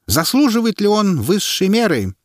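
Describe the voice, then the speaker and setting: A man reading an audiobook and voicing a commanding, mocking male herald who proclaims loudly and drags out his words. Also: sits high, sing-song, normal speed, no echo, studio quality, voice pushed up. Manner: loud, proclaiming, drawn out.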